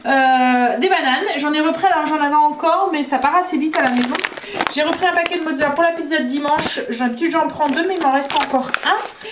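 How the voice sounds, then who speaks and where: A woman with a northern French accent talks casually to camera in her kitchen, rambling and filling pauses with hesitations. Her voice sits high for a woman. The recording carries clear background noise. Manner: chatty, rambling, many hesitations. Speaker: vlogger. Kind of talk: casual home vlog chat.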